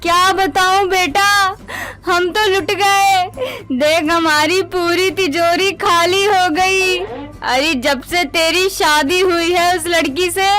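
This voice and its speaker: A woman voicing a stern middle-aged mother-in-law in an animated story, scolding and wailing theatrically. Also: very high voice, unhurried. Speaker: voice actor. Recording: background music under the voice.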